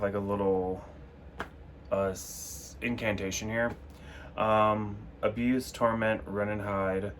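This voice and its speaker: A young man chatting casually and rambling, with a lot of filler words. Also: on the low side. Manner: rambling, filler-heavy, with frequent "like" and "um". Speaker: vlogger reviewing an oracle deck. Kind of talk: casual chat.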